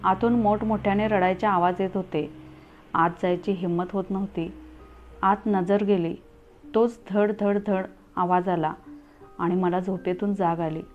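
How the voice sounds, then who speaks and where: A woman narrating a scripted first-person story as a storyteller, in an earnest, steady way. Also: medium pitch, measured pace. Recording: tinny phone-like audio, faint music.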